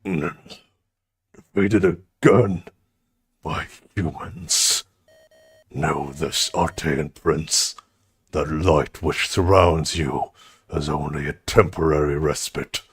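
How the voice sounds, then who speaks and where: A man voicing an ancient, menacing dragon with contempt for humans, husky and grandiose in a slow video game villain delivery. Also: a bass voice, pitched below the performer's own voice, heavily acted. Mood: defiant, ominous. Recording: game music behind the voice.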